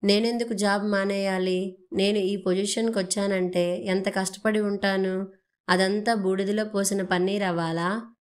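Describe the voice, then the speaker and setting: A woman's voice: mid-range voice, fairly even intonation, moderate pace, lightly acted. Woman reading as an indignant young wife. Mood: angry. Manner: heated, indignant delivery. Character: young working wife, proud and angry.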